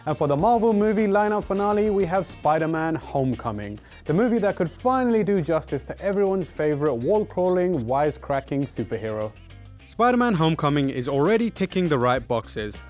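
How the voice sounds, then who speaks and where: A man's voice: fairly high pitch, sing-song, fairly quick, darkish tone, soft background music. A man presenting a scripted film preview as host, upbeat with a dry sarcastic edge.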